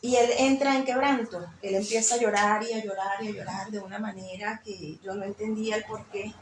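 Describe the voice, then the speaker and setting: A woman's voice: mid-range voice, steady tone, brisk, background noise. A woman sharing an emotional personal faith testimony, telling her story with many fillers. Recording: echoey room with faint ambience.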